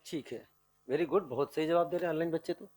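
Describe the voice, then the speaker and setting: A man's voice: fairly high pitch, fast, a little mellow. A male chemistry teacher lecturing a class, quizzing students with repeated questions and stretching out key words, addressing them affectionately as dear children.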